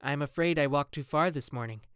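A man playing a troubled young gentleman who speaks in a melancholy, anxious way. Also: a little high, fast, clean tone, no echo, studio quality, pitched above the performer's own voice, lightly acted. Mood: weary, nervous.

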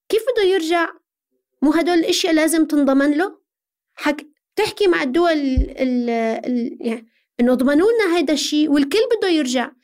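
High-pitched Syrian woman explaining earnestly. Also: darkish tone. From Syria, Aleppo. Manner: earnest, explanatory, with rhetorical questions. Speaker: interview guest. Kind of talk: conversational interview, explaining.

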